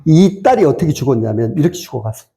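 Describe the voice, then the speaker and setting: A male preacher giving a sermon in a church, swinging from quiet talk to impassioned, tearful cries. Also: a little high, animated, quick pace. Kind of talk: sermon at a gospel meeting.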